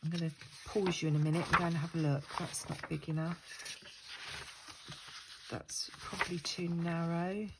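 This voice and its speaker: Congested and stuffy from a cold that won't quite clear, an older woman rambles through a casual crafting tutorial, poking fun at herself along the way. Her voice sits on the low side with little pitch movement and a moderate pace. She's indoors at a craft table, captured by an overhead camera above the mat, and the recording is very noisy.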